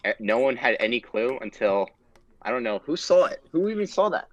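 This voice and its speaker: A young man answering questions in a casual group chat, relaxed and hesitant with many ums. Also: medium pitch, fairly quick, highs cut off. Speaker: guest player.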